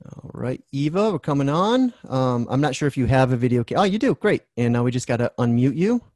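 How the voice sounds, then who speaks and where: A man hosting a casual discussion on a video call, explaining ideas in a thoughtful, steady way. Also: mid-range voice, fairly quick, dry recording, clean studio sound. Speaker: host.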